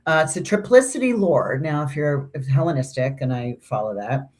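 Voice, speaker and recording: This is a woman with a notably low, deep voice co-hosting an astrology conversation. She talks loosely and chattily, circling back on her points and tossing in asides. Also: very animated, normal speed, darkish tone. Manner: chatty, rambling, with restarts and asides. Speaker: astrology podcast co-host. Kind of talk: casual conversational astrology discussion.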